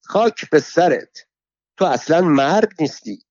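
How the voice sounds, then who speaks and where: A man's voice: on the high side, dry recording, voice pushed up, close to an everyday voice. Alavieh, a man playing a shrieking foul-mouthed old woman. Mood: scolding. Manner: shouting insults, abusive, theatrical. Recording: dull lo-fi dry recording.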